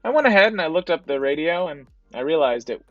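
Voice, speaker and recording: In a voice-over for his reselling vlog, a man casually explains his thrift store trip, often saying "to be honest." His voice is fairly high and bright, very animated and fast, recorded dry and muffled with faint music in the background.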